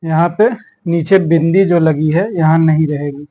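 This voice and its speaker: On a low-quality recording, a man with a high-ish, dark, fairly even voice and a Hindi accent from Uttar Pradesh teaches a Hindi grammar class for exam prep. He goes slowly, explaining spellings one word at a time and checking in with students through repeated "theek hai".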